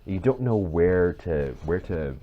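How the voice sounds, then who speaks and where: Speaking slowly in a low voice with lively intonation, this podcast co-host and audio drama creator chats casually. He rambles and keeps rewording things as he goes. The recording sounds muffled and dull, with noticeable noise.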